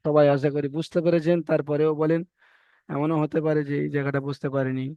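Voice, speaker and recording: A man's voice: on the high side, level tone, quick pace, warm tone, clean tone, dry recording. A man teaching Quran reading in an online class, patiently repeating rules and correcting his students. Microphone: video call. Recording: dull dry online call audio.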